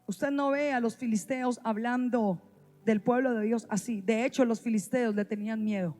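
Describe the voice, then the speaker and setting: A woman's voice: on the high side, steady tone, moderate pace, dark tone, faint music behind. A woman preacher, delivering an emphatic sermon in church. She repeats key phrases and has the congregation answer back. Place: church sanctuary.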